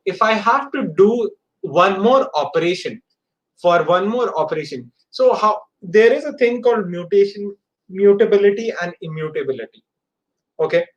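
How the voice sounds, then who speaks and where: Higher-pitched Indian man teaching. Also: highs cut off. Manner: repeats phrases, checks understanding with short tags. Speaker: coding bootcamp teacher. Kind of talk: informal live lesson.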